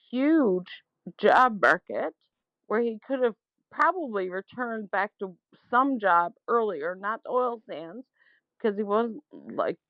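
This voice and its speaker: A woman's voice: medium pitch, dry recording. A woman leaving a voicemail, airing a grievance in an indignant, insistent, emphatic and argumentative way. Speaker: caller leaving a complaint. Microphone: telephone. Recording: muffled, dull voicemail recording.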